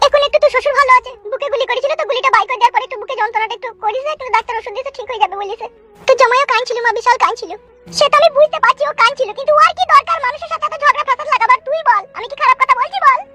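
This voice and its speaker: A woman voicing a nagging older village mother, shrill and scolding, in a comic cartoon. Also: rapid-fire, bright, forceful tone, faint music behind. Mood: fretful.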